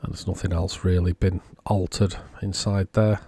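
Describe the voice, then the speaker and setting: A man giving casual, unhurried technical commentary, thinking aloud as he inspects a circuit board. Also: deep voice, level tone, warm tone, slightly rough, dry recording. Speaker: electronics repair vlogger.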